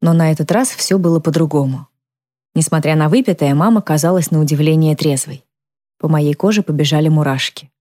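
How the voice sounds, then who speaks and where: Low, mellow-voiced woman narrating. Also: a little fast. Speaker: audiobook narrator. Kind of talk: first-person novel narration.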